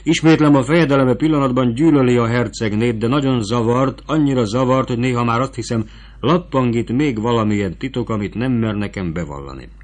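A man's voice: medium pitch, close to an everyday voice. A man reading as a fawning, scheming court prosecutor. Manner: wheedling and eager to bargain.

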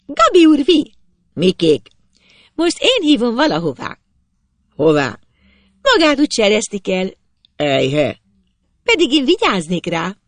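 A reader voicing a pert, teasing young peasant girl who calls out high and shrill in a told story. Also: wildly swooping pitch, pauses often, dry recording.

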